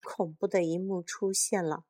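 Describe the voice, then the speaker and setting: A woman reading a children's storybook aloud in a soft, lively storytelling manner. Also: on the low side, normal speed.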